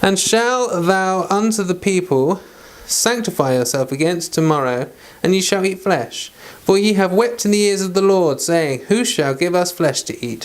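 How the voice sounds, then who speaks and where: In a homely devotional session, a host with a medium-pitched voice reads the Bible aloud to themselves and an audience. Formal scripture reading gives way now and then to easygoing, chatty talk.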